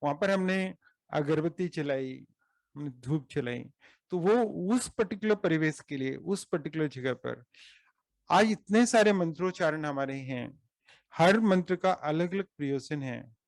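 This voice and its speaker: A man with an Indian accent giving an earnest explanatory talk to a study group, working through his points slowly and asking questions he then answers. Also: fairly high pitch, creaky, dry recording. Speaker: speaker at a study circle meeting.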